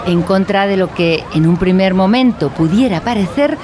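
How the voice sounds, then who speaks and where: Lightly acting the part, a woman narrates a parody educational radio play as a pedantic teacher who talks in formal, pompous, didactic terms with solemn gravity. Her medium-pitched voice is animated and moderately paced, against a noisy background.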